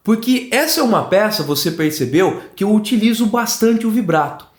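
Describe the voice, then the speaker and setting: A man with a Brazilian Portuguese accent teaching an online flute lesson, explaining in an animated way and often checking in with the viewer. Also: high voice, brisk. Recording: roomy echoey room.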